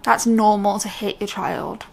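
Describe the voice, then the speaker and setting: A woman's voice: medium pitch, steady tone, unhurried, creaky, darkish tone. A young British woman talking to camera in a casual, unscripted way, candid and rambling, often breaking off her own sentences. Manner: candid, rambling, self-interrupting. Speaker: vlogger.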